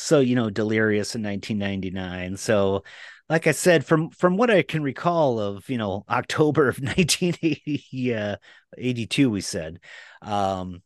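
A man's voice: mid-range voice, no echo, clean studio sound. A man in his forties from Minnesota, a podcast guest chatting casually, rambling with many fillers and laughing as he talks. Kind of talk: casual chat.

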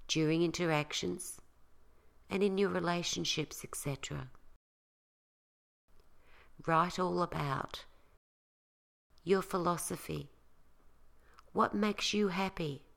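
Slow, low-pitched woman guiding relaxation. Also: gravelly. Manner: slow, calming, instructional delivery with pauses. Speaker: guided self-help and relaxation narrator. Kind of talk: scripted guided meditation narration.

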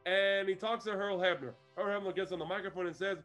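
A man casually recapping an old wrestling show as podcast co-host, animated and laughing often. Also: high-pitched, fast, faint music behind.

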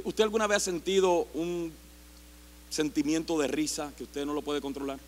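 A middle-aged man preaching a sermon as pastor, impassioned and rising to shouts. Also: on the high side, fairly even intonation, moderate pace. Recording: long hall reverb.

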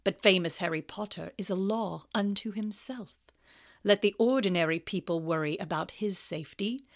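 A woman's voice: medium pitch, natural voice. A woman putting on Snape, a cold sneering professor. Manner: slow, menacing and sneering.

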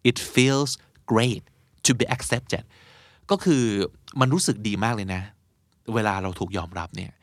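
A young adult man teaching vocabulary in a relaxed, chatty way, stopping to spell words out one letter at a time. His voice sits at an ordinary middle pitch. The recording is dry and close, with no room sound. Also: takes it slowly, dry recording. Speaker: English teacher and host. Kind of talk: explaining vocabulary in a casual podcast.

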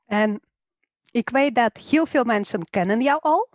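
A cheerful woman host with a Ukrainian accent asks questions slowly in a fairly high voice. The sound is dry and close, with little room around it. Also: expressive, no room sound. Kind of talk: interviewing a guest.

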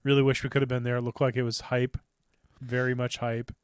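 Male co-host, casual gaming talk, upbeat, smooth tone, dry close mic. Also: medium pitch, little pitch movement, fairly quick, dry recording. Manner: upbeat, explains game strategy, laughs often. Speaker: podcast co-host.

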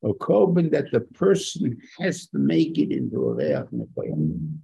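A man's voice: a little high, wildly swooping pitch, normal speed, gravelly, dark tone, slightly rough, low-quality recording. A man gives an informal religious lecture as a rabbi, using rhetorical questions and short, emphatic repetitions. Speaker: rabbi giving a Torah lesson.

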